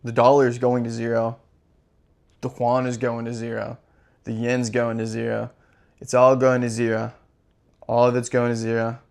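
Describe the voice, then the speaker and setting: A man's voice: medium pitch, monotone, moderate pace, vocal fry, long pauses. A man hosting his own channel, delivering an impassioned, profane and repetitive rant. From United States. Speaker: crypto channel host. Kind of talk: impassioned monologue.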